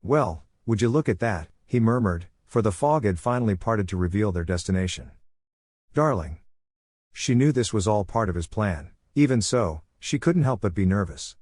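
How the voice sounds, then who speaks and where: A man narrating a fan-fiction story, reading in a steady, measured way. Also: fairly low pitch, no echo, clean studio sound.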